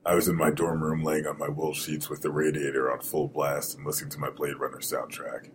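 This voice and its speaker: Very deep-voiced young man narrating. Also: brisk, noisy background. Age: young adult. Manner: dry, deadpan, wry. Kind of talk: scripted first-person narration. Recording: guitar music under the voice.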